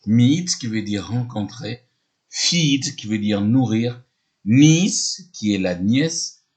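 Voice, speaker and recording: A man gives a slow, patient lesson in a somewhat low voice. He hesitates often, repeats himself and spells words letter by letter as he explains each sound. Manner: often hesitates with drawn-out fillers. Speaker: English teacher.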